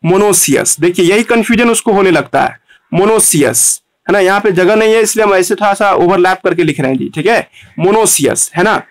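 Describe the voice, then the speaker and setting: A man teaches an online biology lesson in a rather high voice. He drills each term over and over. He tags nearly every line with a quick "है ना" and stops now and then to tidy his board. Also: lively intonation. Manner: repetitive, tags lines with "है ना"; pauses to fix board writing. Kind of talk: online class lecture.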